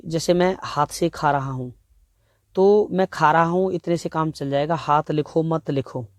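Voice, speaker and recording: A male grammar teacher with an Indian accent speaks in a slightly raised voice. He works through exam sentences at an unhurried pace and reads each example word by word. The sound is dry and close, with no room echo. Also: on the high side. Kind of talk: exam-prep grammar lesson.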